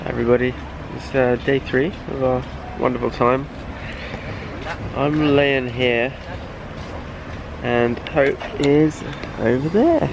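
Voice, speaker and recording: A man's voice: medium pitch, steady tone, takes it slowly, creaky, pauses often. A man in his twenties chatting casually to a handheld camera while vlogging outdoors at a resort. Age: 20s. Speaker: vlogger on honeymoon. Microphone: handheld camera at arm's length. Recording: noisy outdoor holiday camera audio.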